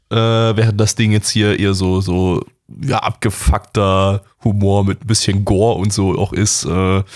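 A young man co-hosting a casual anime review, rambling loosely as he searches for words. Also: fairly low pitch. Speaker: co-host of an anime review talk.

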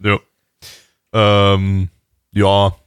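Man, podcast co-host, low voice, dry mic, rambling casual chat. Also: completely flat delivery, very slow, clean tone, no room sound. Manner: rambling, many fillers and restarts.

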